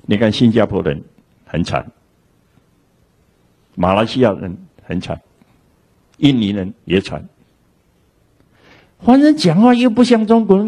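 A man's voice: medium pitch, husky. A man giving a lecture in a storytelling way, acting out the dialogue he quotes. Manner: animated, acts out quoted dialogue.

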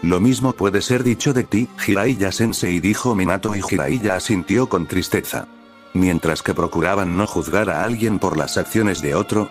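Deep-voiced man reading a fan story. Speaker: narrator.

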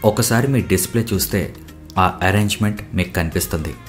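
A man narrating a novel as an audiobook in an even storytelling manner. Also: low voice, fairly quick, soft background music. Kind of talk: scripted narration.

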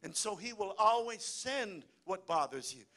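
Man, middle-aged, pastor preaching in church, high voice, animated swings in pitch. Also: measured pace. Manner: lively preaching, calls for amen and hallelujah. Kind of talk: sermon. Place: church sanctuary.

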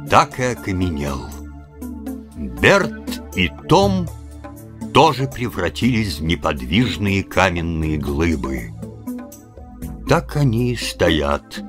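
A man reading a fairy-tale audiobook aloud with expressive storytelling. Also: lowish voice. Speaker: audiobook reader. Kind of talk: audiobook narration.

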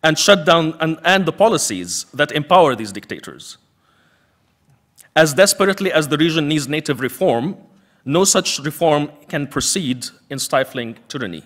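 A man's voice: a little high, fairly bright tone. Man giving an emphatic lecture. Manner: emphatic, rhetorical repetition. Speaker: panel speaker, activist. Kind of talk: prepared lecture speech.

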